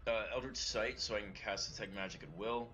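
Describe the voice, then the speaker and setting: A man's voice: on the low side, a little fast, pushed and bright, faint music behind. A man playing a tabletop game who declares his moves and lists his abilities in an upbeat way. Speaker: player. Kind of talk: casual tabletop play. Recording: dull lo-fi sound.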